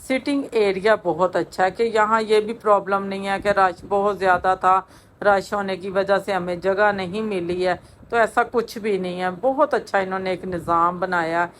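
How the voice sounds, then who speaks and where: A woman's voice: medium pitch, a little hiss or hum. Chatty woman vlogging. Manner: chatty, many fillers. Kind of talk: casual narration.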